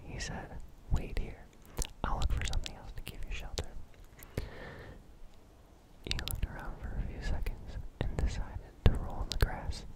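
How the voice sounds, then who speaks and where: A young man telling a bedtime-style story as ASMR, in a hushed, deliberate whisper close to the microphone. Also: low-quality recording. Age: young adult. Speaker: ASMR host. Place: small dim room indoors. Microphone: close desktop condenser microphone.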